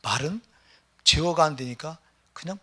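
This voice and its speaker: Casting: middle-aged male pastor, husky, chatty sermon, keeps asking the congregation. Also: a little high, moderate pace, pushed and bright. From Gyeonggi Province, Korea. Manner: conversational, questions the congregation.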